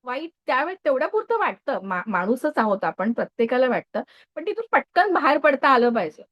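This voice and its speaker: Woman in her thirties, live motivational speaker, chatty and engaging, pitched a bit high. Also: a little fast, dull audio. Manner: lively, chatty, frequent check-ins with the audience. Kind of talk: live motivational talk to an audience.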